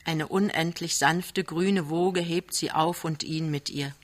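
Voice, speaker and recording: A woman reading a novel aloud at a live soirée, slow, hushed and measured. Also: sits low, steady tone. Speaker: audiobook reader. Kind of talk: literary reading.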